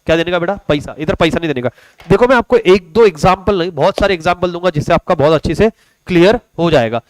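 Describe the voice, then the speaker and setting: A young man with a high-pitched voice talks fast while teaching a casual online commerce class, joking and chatting and calling his students "beta". The recording is low quality, with no room sound.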